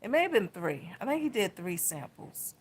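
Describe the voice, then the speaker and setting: A woman's voice: medium pitch, very animated, normal speed, slightly rough. A middle-aged woman vlogging, recounting a personal experience in a heartfelt, emotional way. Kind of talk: personal health vlog story.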